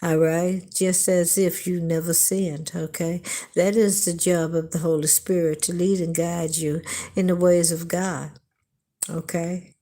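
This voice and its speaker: Woman host doing a live tarot reading. Low, chatty, emphatic. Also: little pitch movement, unhurried, dark tone. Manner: chatty, emphatic, often checks in with "okay?" and "all right". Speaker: tarot reader hosting a livestream. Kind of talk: casual live tarot reading with chat shout-outs.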